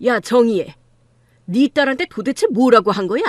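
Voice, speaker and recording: A woman's voice: fairly high pitch, animated, normal speed, no room sound, studio quality, natural voice. A woman voicing a sneering crude male boss. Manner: sneering, bullying, coarse. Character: arrogant crude middle-aged man, law firm boss. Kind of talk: audiobook drama reading.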